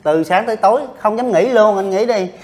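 A man speaks in casual interview talk. He is earnest and keeps circling back over the same points, his voice sitting a little high for a man. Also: fairly quick. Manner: earnest, repeats himself while recounting. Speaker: interviewee, street vendor.

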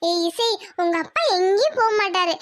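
Performer as a kind young friend in a cartoon, squeaky high, dry close sound. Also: expressive, normal speed, fairly bright tone, no room sound. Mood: comforting. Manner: comforting, upbeat. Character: caring young girlfriend, cheerful.

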